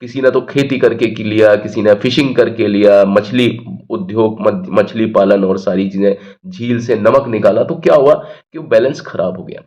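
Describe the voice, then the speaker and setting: A man's voice: fairly low pitch, moderate pace, hardly any pauses, darkish tone, dull audio. A man teaching English grammar, who explains patiently, repeats key words and answers his own questions. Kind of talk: Hindi-medium English grammar lesson.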